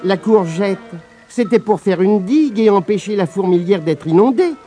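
Kind, clever young storybook hero, lively and a touch high, played by the narrator. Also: male voice, normal speed, soft background music. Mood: curious.

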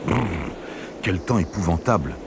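A man's voice: sits low, sing-song, measured pace, background noise. A man voicing a cautious male bus driver who mutters about the weather, with music underneath. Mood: worried.

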